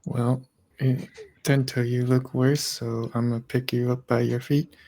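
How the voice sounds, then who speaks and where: A man's voice: medium pitch, little pitch movement, unhurried, heavy background noise. A man playing a tabletop game in casual role-play chat, hesitant and stammering.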